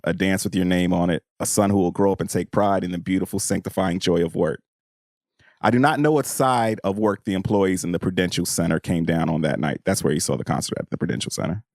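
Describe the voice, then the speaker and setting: This podcast co-host has a deep, darkish voice captured in clean studio sound without any room tone. He chats about a book and reads excerpts aloud informally, sprinkling in slang and "you know."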